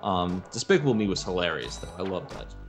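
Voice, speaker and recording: Low-voiced young man, game music. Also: big pitch swings, brisk. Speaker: let's play co-commentator. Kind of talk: casual gameplay commentary.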